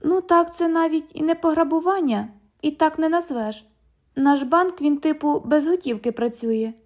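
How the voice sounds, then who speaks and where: Sarcastic twenty-year-old girl at a bank till, pitched up and mocking, warm tone; voiced by a woman audiobook reader. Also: moderate pace, lightly acted. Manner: mocking, cheeky, parrots the other speaker. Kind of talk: audiobook dialogue reading.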